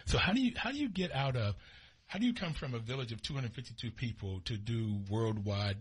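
A man's voice: mid-range voice, expressive, fairly quick, breathy edge. A man hosting a radio talk show, a little out of breath and enthusiastic, speaking in a studio. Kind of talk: radio interview.

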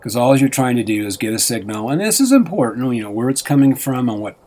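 Very animated and quick, a man with a medium-pitched, darkish voice co-hosts a radio show. He rambles casually and meanders, packing his talk with fillers and restarts.

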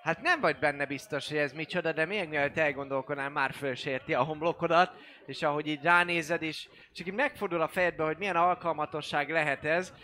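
Male game master, fairly high, bright tone; hesitant, rambling narration. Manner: rambling, hesitant with many fillers.

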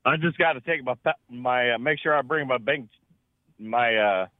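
A man's voice: mid-range voice, moderate pace, dry recording. A man in his late forties from Florida calling a radio show, chatting casually in a teasing, folksy way. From Florida, United States. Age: late 40s. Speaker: radio call-in guest. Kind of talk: casual chat. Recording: dull lo-fi phone call to radio.

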